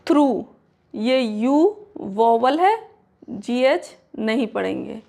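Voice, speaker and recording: A woman teaching English pronunciation in a Hindi-English lesson, reading each rule slowly and repeating example words. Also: fairly high pitch, creaky.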